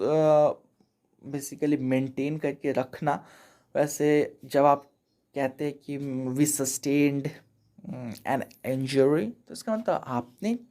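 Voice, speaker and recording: Going through slides, a man from India teaches English vocabulary in a relaxed, talkative way, his voice a little high with a dark tone. Each word gets an explanation, followed by a "theek hai" check-in.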